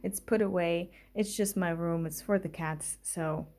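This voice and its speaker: A woman's voice: fairly low pitch, steady tone, a little mellow, slight background noise. Chatty young woman touring her home. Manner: chatty, many "um" pauses, walks through rooms while talking. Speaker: vlogger giving a home tour. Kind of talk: casual house tour narration. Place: small apartment indoors.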